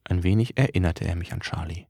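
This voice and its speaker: Low-voiced man, dry wry storytelling. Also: fairly quick, mellow, no room sound. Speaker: audiobook narrator. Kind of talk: first-person audiobook reading.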